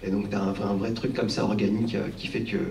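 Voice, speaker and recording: A man's voice: fairly low pitch, level tone, quick pace, creaky, darkish tone, a little hiss or hum. A man in his thirties from France speaking on a live panel, thoughtful, with many fillers and restarts. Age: 30s. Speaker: panel guest, record collector and documentary maker. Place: hall with an audience. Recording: roomy hall from a distant mic.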